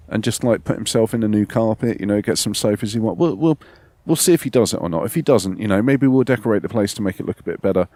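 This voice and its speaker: A man's voice: lowish voice, dark tone. A man with a sore throat giving rambling, casual gameplay commentary as a let's play host, repeating words and tagging lines with "okay?".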